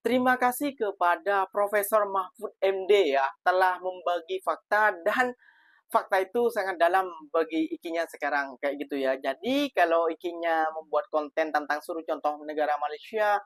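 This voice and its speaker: A woman's voice: fairly low pitch, moderate pace, no echo. A woman hosting a reaction video, commenting in a chatty, exclamatory way.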